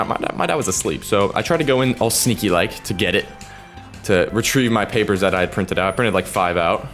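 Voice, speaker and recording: A man's voice: on the low side, a bit bright. A teenage boy rambling through a story while playing a video game, breaking off to trash-talk opponents. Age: teens. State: keeping voice down so his sleeping father won't hear. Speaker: gaming video creator.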